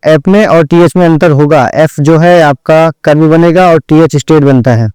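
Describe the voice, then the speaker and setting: A man's voice: on the high side, moderate pace, darkish tone, clear, resonant tone, no echo, low-quality recording. A man teaching an online shorthand lesson, explaining each step and repeating "theek hai" after every point as he addresses his students directly. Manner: drills points over and over.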